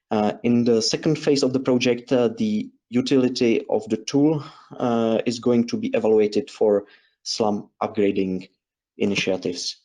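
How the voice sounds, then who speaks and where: A man giving a technical webinar presentation in a hesitant, halting way, often repeating phrases. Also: on the low side, darkish tone. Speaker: presenter, researcher.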